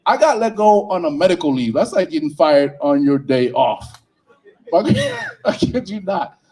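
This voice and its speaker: A man's voice: a little high, huge pitch swings, measured pace, a little mellow, slightly rough. A man from Liberia doing freestyle stand-up at an open mic, loose and conversational. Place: outdoor bonfire event. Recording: distant mic with background noise.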